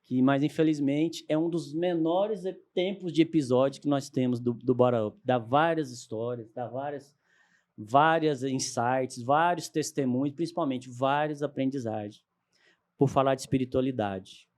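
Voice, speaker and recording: A man's voice: medium pitch, moderate pace, a little mellow. A man, hosting a podcast in a thoughtful, questioning manner. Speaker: podcast host. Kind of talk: casual chat.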